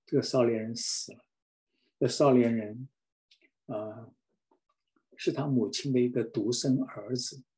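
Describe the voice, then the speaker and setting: A middle-aged man delivers a sermon with fervent feeling. He circles back and repeats key phrases for emphasis. His voice sits at an ordinary middle pitch. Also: mellow. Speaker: preacher.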